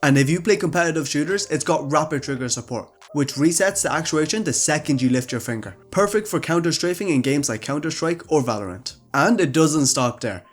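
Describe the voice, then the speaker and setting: Young guy hyping budget tech in a scripted review, slangy and upbeat, soft music underneath. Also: a little high. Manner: upbeat, casual gamer slang. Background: faint background music.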